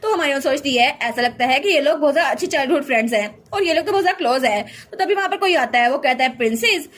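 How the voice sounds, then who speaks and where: A woman narrating a casual story recap, with a high voice. She chats along, retelling scene after scene and quoting every speaker. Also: lively intonation, very fast.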